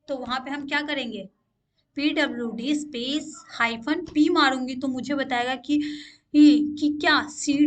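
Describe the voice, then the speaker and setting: High-voiced woman teaching a tech tutorial. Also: a bit bright. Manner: repeats "ठीक है" to check in, asks questions aloud. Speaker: instructor. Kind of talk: screen-share coding tutorial.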